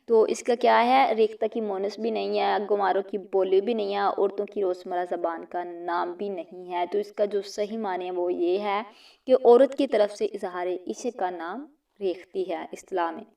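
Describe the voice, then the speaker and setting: A woman teacher works steadily through multiple-choice exam questions, reading each one and its options before giving the right answer. Her pitch sits in an ordinary middle range. The recording has her a little distant from the mic. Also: steady tone, gravelly, dark tone.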